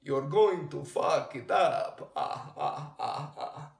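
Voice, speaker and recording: A man voicing a theatrical male vampire cereal mascot with a slow, drawn-out put-on accent and counting laughs, in a roomy space. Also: a little high, animated, gravelly, distant mic, full character voice. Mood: mocking. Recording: roomy echo.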